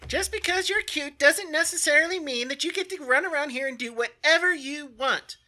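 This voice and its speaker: Man voicing a high-pitched guard, bureaucratic, lecturing, bright tone. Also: a little fast, heavily acted. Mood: scolding. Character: stubborn rule-bound town guard.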